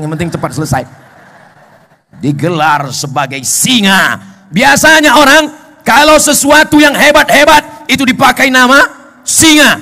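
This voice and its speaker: A middle-aged Indonesian man preaching a sermon to a gathering, swinging from shouting to low joking asides.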